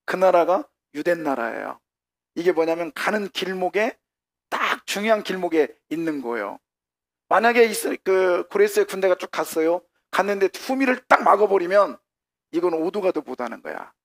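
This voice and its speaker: A man preaching a sermon as a pastor in a church, animated and shouting out lines of acted dialogue. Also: high-pitched, normal speed. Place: church sanctuary.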